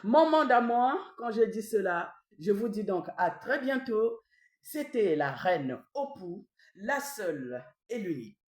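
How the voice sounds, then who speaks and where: A woman in the role of a traditional queen gives a language lesson. She repeats each word slowly and often tags her phrases with a questioning "hein?". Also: mid-range voice, expressive, a little mellow. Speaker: traditional queen teaching vocabulary. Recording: echoey room, mic at a distance.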